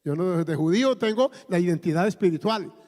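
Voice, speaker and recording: A man's voice: high voice, lively intonation, a little fast, darkish tone. A man in his fifties with a Colombian accent, preaching a sermon emphatically, with exclamations and repeated words. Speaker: pastor. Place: church hall. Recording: long reverb of a church hall.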